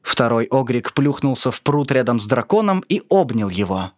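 A narrator reading a children's story aloud in an expressive, sing-song way. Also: mid-range voice, moderate pace, no room sound, clean studio sound.

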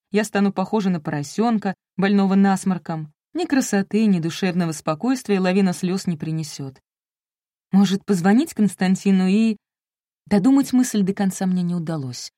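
A woman's voice: medium pitch, dark tone, no echo, clean studio sound. A woman reading a first-person audiobook with wry, self-ironic storytelling. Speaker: audiobook narrator.

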